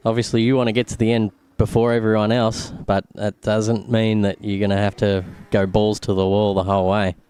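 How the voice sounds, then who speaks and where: A man's voice: lowish voice, flat delivery, fairly quick, few pauses, a little mellow, smooth. A man hosting live race commentary in a conversational, colloquial manner. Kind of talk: live sim racing commentary.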